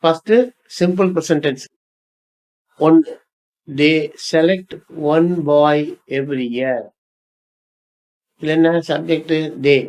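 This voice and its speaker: An older man with a Tamil accent gives a grammar lesson in a fairly high voice. He talks very slowly and deliberately, pausing between phrases. He reads English example sentences with careful emphasis. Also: fairly even intonation, darkish tone, rough recording. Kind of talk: slow explanatory lesson.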